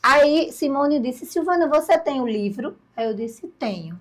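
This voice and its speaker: An older woman, a podcast guest telling her story in a lively way and acting out the dialogue. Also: sits high, a little slow. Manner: lively storyteller, acts out dialogue, laughs at herself.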